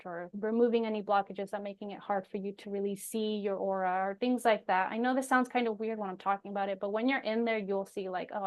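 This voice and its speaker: A woman speaking as an energy coach, casually presenting her program in an encouraging, reassuring, informal way with frequent emphasis. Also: mid-range voice. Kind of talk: casual, personal program pitch to viewers.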